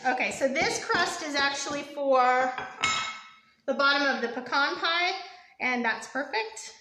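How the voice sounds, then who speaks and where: A woman's voice: high voice, pushed and bright, roomy sound. A young woman hosting a live home baking stream in her kitchen, rambling and chatty with lots of ums and asides to her viewers. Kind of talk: casual live cooking demo.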